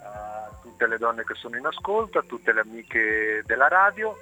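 A man's voice: medium pitch, very animated, moderate pace, bright, forceful tone, soft background music. A man calling a radio show over a long-distance phone line, chatting casually and coaxing a child beside him to speak. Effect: over the phone, from far away. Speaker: radio caller. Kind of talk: casual call-in chat.

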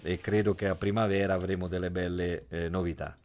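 A man's voice: low-pitched, little pitch movement, fairly quick, a little mellow. A man co-hosting a sports radio show in casual chat, often repeating words and phrases.

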